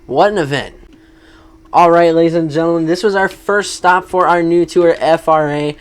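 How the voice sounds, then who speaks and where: A man giving excited play-by-play commentary on a monster truck event, hyping each move with quick asides. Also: on the high side, clear, resonant tone.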